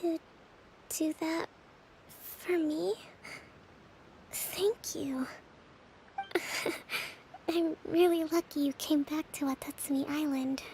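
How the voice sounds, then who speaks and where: A woman voicing a gentle young priestess and leader in a game, exhausted and speaking softly, almost in a whisper. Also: sits high, steady tone, takes it slowly, long pauses, a little hiss or hum, low-quality recording. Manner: soft, breathy, near-whispered and weary. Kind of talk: game voice acting.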